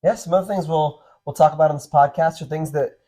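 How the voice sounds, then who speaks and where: His fairly high, mellow voice moves fast with a steady tone. He's a pastor in his thirties co-hosting a casual podcast chat, easygoing and earnest, with frequent ums and restarts.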